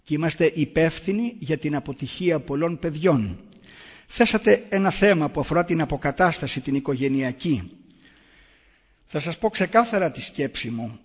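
A man's voice: a little high, husky. A middle-aged man giving an earnest public talk, answering the audience with pointed rhetorical questions. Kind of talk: public talk on raising children. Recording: echoey hall, dull lo-fi sound.

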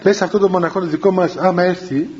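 High-voiced monk giving a rambling talk. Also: male voice, fairly even intonation, darkish tone. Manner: rambling storytelling, repeats phrases, addresses listeners as children. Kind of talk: spiritual talk with anecdotes. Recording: dull lo-fi with faint background hiss.

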